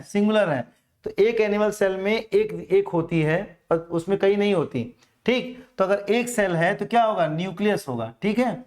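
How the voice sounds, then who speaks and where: A middle-aged man with an Indian accent gives a grammar lesson in a fairly high voice. He takes each point step by step, and he often asks a question and then answers it himself. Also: darkish tone. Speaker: teacher. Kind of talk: classroom grammar lecture.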